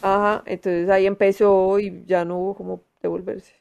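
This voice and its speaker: A woman from Manizales with a Colombian paisa accent, co-hosting a podcast in relaxed, chatty storytelling with fillers. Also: medium pitch, moderate pace, gravelly, smooth, muffled recording. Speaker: podcast co-host. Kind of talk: casual chat.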